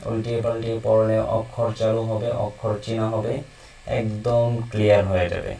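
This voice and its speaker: A man teaching Quran reading, chanting letter-and-vowel drills slowly and explaining in between. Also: on the low side, level tone, dark tone, a little hiss or hum. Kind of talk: recorded lesson, slow drilled recitation. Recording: roomy echo from a distance.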